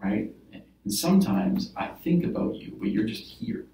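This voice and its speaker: A man's voice: lowish voice, very animated, normal speed, noisy background. A man playing a therapist in a role-play session, explaining patiently and checking in with "right?" as he goes. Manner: explaining gently with many "right?" and "like" fillers. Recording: roomy, from a distance.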